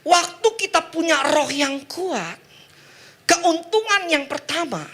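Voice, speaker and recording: A man preaching a sermon in a lively, joking way, calling on the congregation to repeat words after him. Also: very high voice, slow. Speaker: pastor.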